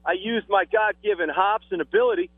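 A man with a fairly high voice calls in over a thin, tinny phone line that cuts out. The sound is dry and boxed in. He talks in an upbeat, joking way, like a radio host promoting a show. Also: a little fast, no echo. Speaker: radio morning show host calling in from an event. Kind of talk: casual on-air chat. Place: outdoor concert venue.

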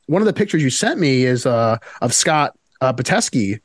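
A man hosting a casual interview, asking relaxed questions. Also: mid-range voice, normal speed. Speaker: podcast host.

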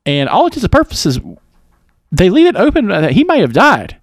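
A man's voice: high-pitched, huge pitch swings, normal speed, no room sound, studio quality. A man hosting a podcast, chatting casually about horror movies in a profane, joking way and laughing often. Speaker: podcast host.

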